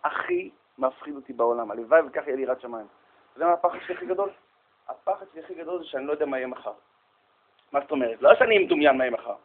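A man giving a humorous storytelling talk, animated and jokey, speaking straight to his listeners. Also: fairly high pitch. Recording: tinny phone-like sound.

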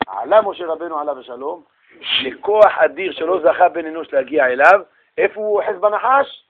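High-voiced man preaching on dull radio. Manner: lively, acts out quoted dialogue with street slang and rhetorical questions. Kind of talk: Torah sermon to an audience. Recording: dull lo-fi radio-style recording.

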